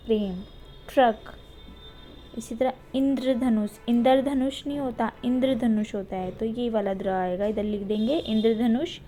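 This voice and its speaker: A woman teacher giving a recorded lesson to young children, speaking slowly and patiently and repeating words for the pupils. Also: on the high side, creaky, warm tone.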